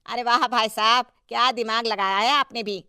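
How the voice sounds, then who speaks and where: A woman voicing a deferential, flattering townsperson in a cartoon story, with fawning exclamations. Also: on the high side, normal speed, clean tone, no room sound, studio quality. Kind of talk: Hindi cartoon story dialogue.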